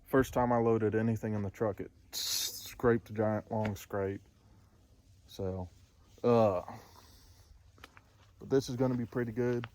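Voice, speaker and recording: A man's voice: on the low side, fairly even intonation, slow, long pauses, a little mellow, a little hiss or hum. A man filming a casual how-to vlog outdoors by his truck, rambling and correcting himself as he talks plainly about the job. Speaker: vlogger.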